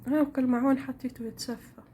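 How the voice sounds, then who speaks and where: Her voice sits high and dark, held in a steady tone, and she talks fast over a slight hiss or hum. She's a Tunisian-accented woman who vlogs home cooking, chatting casually to viewers in her kitchen and telling rambling stories.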